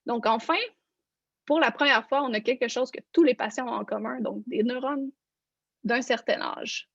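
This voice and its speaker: A woman gives a lecture online, explaining her slides step by step. Her fairly high voice has a gravelly, breathy edge. The sound is dry and a bit dull, like lo-fi video-call audio. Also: moderate pace, fairly bright tone, no echo. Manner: explanatory, walks listeners through slides. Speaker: neuroscience researcher giving a lecture.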